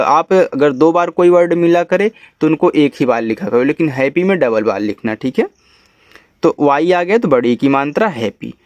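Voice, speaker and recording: Slow-spelling Hindi-accented male teacher, dry sound. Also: fairly high pitch, no room sound. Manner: spells words letter by letter slowly, then explains. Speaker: English teacher. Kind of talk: spelling and reading lesson.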